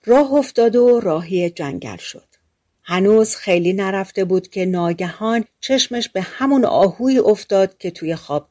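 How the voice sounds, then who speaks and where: A woman's voice: medium pitch, a little mellow. A woman reading a fairy tale aloud as an audiobook narrator, giving the characters' lines within the story.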